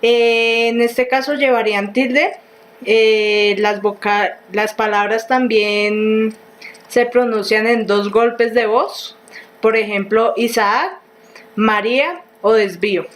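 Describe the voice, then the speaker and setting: A woman reading a grammar lesson aloud, slow and careful, with small restarts. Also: a little high, poor audio.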